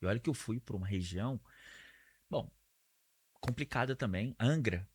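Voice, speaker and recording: A man's voice: lowish voice, lively intonation, moderate pace, breathy edge. A man who hosts a podcast, chatting casually with his guest and dropping in slangy interjections. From Brazil (São Paulo). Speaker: podcast host.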